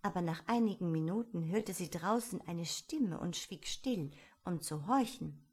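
A woman narrating an audiobook in a calm, even storytelling manner. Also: lowish voice, unhurried, husky.

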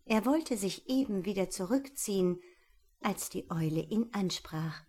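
A woman narrating a children's storybook in a calm, measured, softly expressive way. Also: mid-range voice.

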